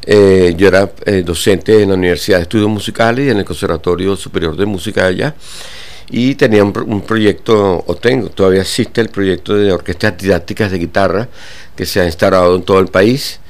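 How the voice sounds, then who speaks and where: An older man from Venezuela, a guitar teacher, speaking haltingly with many pauses and fillers in a radio interview. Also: low-pitched. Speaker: guitar teacher and orchestra director.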